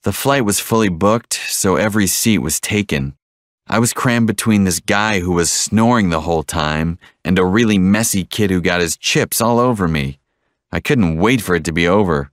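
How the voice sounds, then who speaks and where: A man reading one side of a scripted English-lesson dialogue, repeating each line slowly and clearly. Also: low voice, no echo, clean studio sound.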